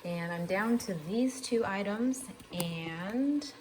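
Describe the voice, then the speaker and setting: A woman's voice: medium pitch, takes it slowly, a little mellow, echoey room, slight background noise, low-quality recording. A woman chatting casually and self-deprecatingly as she cooks and tastes food in her home kitchen. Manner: self-deprecating, chatty, talks while eating. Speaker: vlogger cooking at home. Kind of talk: casual cook-with-me vlog.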